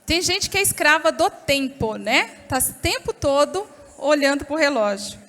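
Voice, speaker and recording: A Brazilian woman gives a talk at a church women's gathering and tells lively, expressive stories in a high voice. She speaks directly to her listeners and asks them questions. The sound carries the long reverb of a large church hall. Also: normal speed, soft background music. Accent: Brazilian Portuguese. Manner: lively, expressive storytelling, addresses the audience directly.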